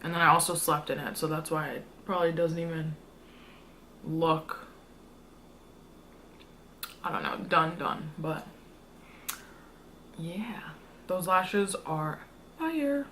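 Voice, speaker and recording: A woman's voice: low voice, takes it slowly, long pauses, pushed and bright. Casual young woman vlogger, noisy background. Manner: informal, slangy, rambling delivery. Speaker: food vlogger. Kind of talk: casual mukbang chat to viewers.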